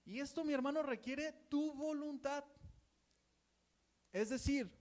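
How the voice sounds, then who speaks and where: High-voiced Mexican preacher, conversational sermon. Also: male voice, a little slow, a little mellow. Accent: Mexican Spanish. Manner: conversational, acts out gossiping churchgoers.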